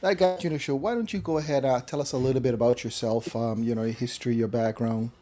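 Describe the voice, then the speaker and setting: A man hosting a casual live online talk show over a video call, chatty and relaxed, with frequent fillers. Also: medium pitch, quick pace. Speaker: host.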